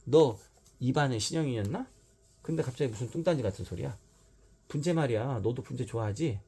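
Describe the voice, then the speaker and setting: A man's voice: mid-range voice, expressive, a little fast, mellow, husky, voice pushed up. A man voicing a timid but stubborn schoolchild who loves bonsai, pleading and insisting, in a raised, childlike voice.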